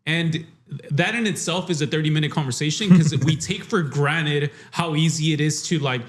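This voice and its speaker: Young dude with a slightly high voice just rambling about his week on a podcast, chill. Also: normal speed. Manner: relaxed, rambling recounting with fillers. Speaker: podcast co-host. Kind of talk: casual chat.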